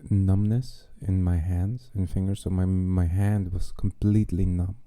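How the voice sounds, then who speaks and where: A man's voice: sits low, flat delivery, unhurried, warm tone, a little hiss or hum. A man hosting a podcast, telling a personal story in a casual, self-mocking monologue with wry jokes. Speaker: podcast host.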